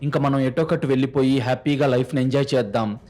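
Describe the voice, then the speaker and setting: A man voicing a sly, scheming young widow who talks fast in a falsely sweet, pleading way, in a storybook crime tale. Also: mid-range voice, a little mellow, faint music behind, lightly acted. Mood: fake sweet.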